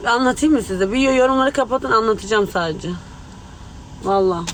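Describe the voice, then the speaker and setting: A man's voice: very high-pitched, a little fast, a bit bright, a little hiss or hum, low-quality recording. A man speaking angrily and agitatedly to tabloid reporters, swearing as he talks. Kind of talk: heated street remarks to the press.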